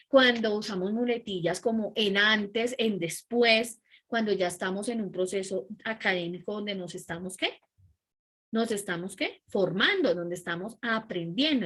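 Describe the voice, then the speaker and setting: A woman teacher giving an animated class and often checking in with her students. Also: medium pitch. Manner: animated, keeps checking in with "¿sí?" and "¿listo?". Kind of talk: online class lecture.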